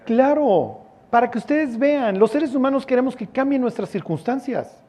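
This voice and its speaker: A man's voice: very high-pitched, animated, moderate pace, warm tone. A man with a Mexican accent preaching a sermon as a pastor, in a casual, joking, storytelling way with slang.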